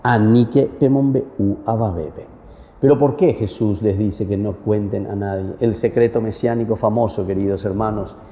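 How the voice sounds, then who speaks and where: Mellow Paraguayan priest in a cathedral-like echo. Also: male voice, lowish voice, steady tone, normal speed, slight background noise. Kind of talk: homily and liturgical prayer. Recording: echoey church hall with long reverb.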